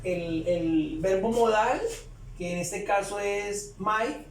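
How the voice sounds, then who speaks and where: A man teaching English grammar in Spanish, explaining slowly and repeating phrases as he writes on a board. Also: high voice, distant mic, slight background noise. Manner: slow, repeats phrases while writing. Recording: echoey room, voice away from mic.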